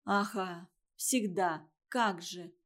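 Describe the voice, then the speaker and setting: A woman's voice: on the low side, very slow, fairly bright tone. A spirited, proud schoolgirl, as a woman reads her. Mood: eager. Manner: eager, insistent.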